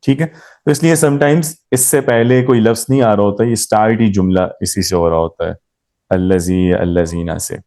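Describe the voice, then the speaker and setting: A man's voice: fairly low pitch, moderate pace, warm tone. A man teaching a grammar class, explaining patiently and quizzing his students as he goes. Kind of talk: live class lesson.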